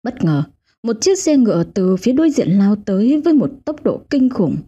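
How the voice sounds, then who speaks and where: A woman's voice: on the high side, sing-song, normal speed, dark tone, breathy edge. A woman host giving scripted, dramatic narration of a ghost story. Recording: dull lo-fi audio with faint music.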